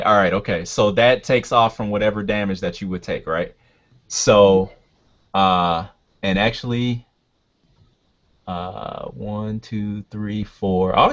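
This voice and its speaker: A man running a tabletop game as game master, talking casually and haltingly as he thinks aloud and checks rules. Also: on the low side, expressive. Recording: dull, lo-fi sound.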